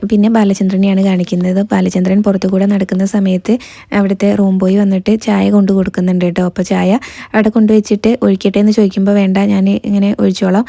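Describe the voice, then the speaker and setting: A woman retells a serial episode in a relaxed, conversational way, running her sentences together at a brisk clip. Her voice is mellow and stays level, and she reads quoted lines without changing voice. The sound is dry and close, with no room around it. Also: mid-range voice, dry recording. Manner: chatty, keeps adding tag words to sentence ends. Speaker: serial episode recap narrator. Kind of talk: casual spoken story recap.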